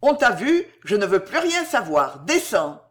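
A narrator voicing a commanding army officer who gives loud, imperious orders, reading a storybook aloud. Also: medium pitch, big pitch swings, unhurried. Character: commanding army officer, stern then grieving.

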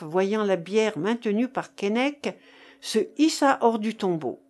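A woman narrating a novel in a measured storytelling manner. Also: on the high side, a little mellow. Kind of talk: audiobook narration.

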